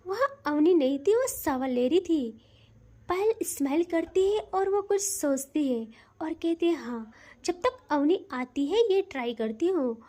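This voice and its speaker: Very high-voiced woman telling a story. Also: warm tone. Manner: conversational, casual storytelling. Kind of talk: narrating a romance audio story.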